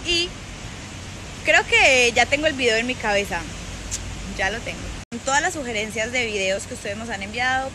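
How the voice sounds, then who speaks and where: Her voice fairly high, this young adult paisa woman from Antioquia, Colombia, playfully talks to her phone held at arm's length. It's a casual selfie vlog shot outdoors at a beach and then a club, with a noisy background.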